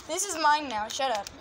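A young woman chatting late at night for her video, giggly and rambling. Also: sits high. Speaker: video maker. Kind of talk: casual late-night chat. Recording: noisy home recording.

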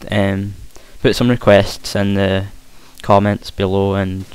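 Low, even-toned man with broad Scottish accent. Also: takes it slowly, rough recording. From Scotland. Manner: hesitant, trying to speak clearly. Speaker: gaming commentator. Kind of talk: casual gameplay commentary. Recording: hissy home mic with faint noise. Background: game gunfire.

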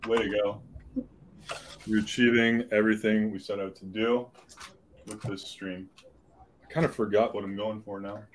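A man's voice: on the low side, level tone, normal speed, pauses often, slight background noise. A man co-hosting a casual livestream, joking and mocking himself while he builds. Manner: joking, self-mocking banter. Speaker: livestream co-host building toy bricks. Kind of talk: casual chat.

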